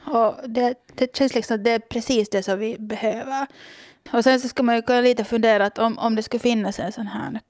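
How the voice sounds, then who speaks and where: A woman's voice: fairly high pitch, fairly even intonation, a little mellow, no echo, studio quality. A woman with a Finland Swedish accent, gushing enthusiastically as a podcast host in casual chat, with many restarts.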